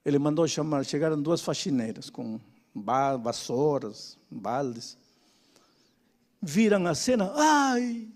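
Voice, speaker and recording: A man's voice: mid-range voice, expressive, takes it slowly, a little mellow, long reverb tail. An older man preaching a sermon, repeating his phrases with emphasis and telling a dramatic story.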